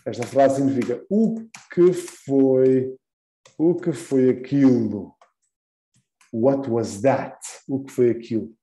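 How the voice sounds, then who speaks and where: A man's voice: medium pitch, animated, slow, dark tone, reverberant, low-quality recording. A man teaching an English class live, patiently repeating words and quizzing his students.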